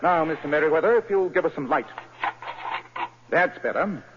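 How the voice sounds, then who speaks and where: An actor playing Sherlock Holmes as a sharp, commanding detective, in crisp 1940s radio style. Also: male voice, fairly high pitch, animated, noisy background, close to an everyday voice. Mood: urgent. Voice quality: crisp, authoritative, brisk. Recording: muffled old radio broadcast.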